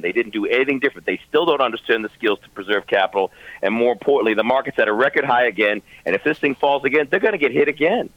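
A man's voice: medium pitch, fairly bright tone, no room sound, rough recording. A man co-hosting talk radio with explanatory, conversational commentary. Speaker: radio co-host.

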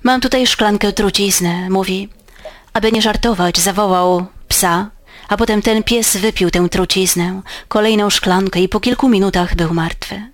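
A woman preaching a sermon in a measured, earnest way, her voice rising for emphasis. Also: mid-range voice, steady tone, dry recording.

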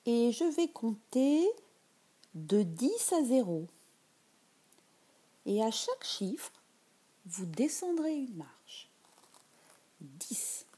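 A woman leading a guided meditation in a soft, soothing voice that drifts into whispers. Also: fairly high pitch, very animated, very slow, long pauses, husky.

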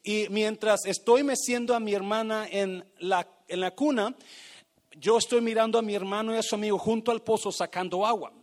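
High-voiced pastor telling a story. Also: male voice, steady tone, moderate pace. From Mexico. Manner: dramatic storytelling, swells loud for emphasis. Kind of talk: sermon with personal story.

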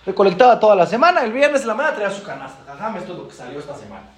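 A man's voice: very fast, reverberant. A man, a rabbi teaching a class, telling stories and acting out the dialogue. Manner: animated, acts out dialogue with shifting pitch. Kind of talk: storytelling lesson.

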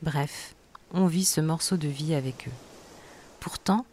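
A woman's voice: low voice, unhurried, a little mellow, slight background noise. A woman hosting a podcast, reading scripted narration that links interview clips.

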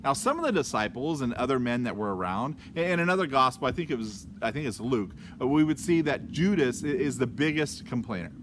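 A man's voice: mid-range voice, sing-song, brisk, few pauses, background noise. A man preaching a casual, conversational sermon with playful asides. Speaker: pastor.

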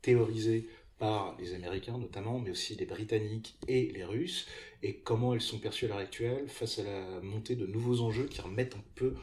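A man with a low voice talks casually on a podcast, recommending a series and an article with lots of hesitations. His tone is chatty and self-deprecating. The sound is roomy, with a faint background noise. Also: brisk, a little mellow. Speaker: podcast co-host. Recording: echoey room with faint noise.

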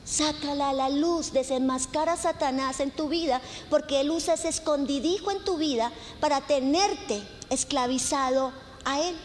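A woman's voice: high voice, moderate pace, hardly any pauses. A woman pastor, preaching a sermon in an emphatic storytelling way, stacking lists and repeated phrases. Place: church hall. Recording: reverberant church hall with faint noise.

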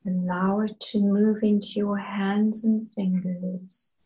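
A woman leading a guided meditation in a soft, soothing, breathy manner, leaving long pauses between phrases. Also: mid-range voice, little pitch movement, low-quality recording. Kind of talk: slow guided meditation narration.

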